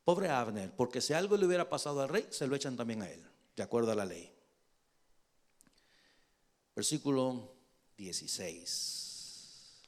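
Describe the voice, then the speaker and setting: A man's voice: medium pitch, animated, unhurried, long pauses. A male pastor preaching a sermon in a conversational way, checking in with his listeners and joking as he goes.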